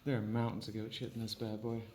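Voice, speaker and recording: This young man's handheld-camera vlog takes viewers around an abandoned film set, outdoors and through an empty building, in a loose, casual walk-and-talk full of fillers and swearing. He talks quickly and monotonously at a fairly low pitch, with background noise behind him.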